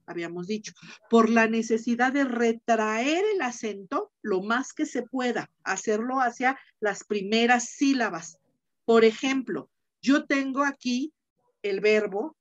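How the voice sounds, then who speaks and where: Woman teacher, patient step-by-step explainer who repeats key points; slightly high voice, dull lo-fi call audio. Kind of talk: online class lecture.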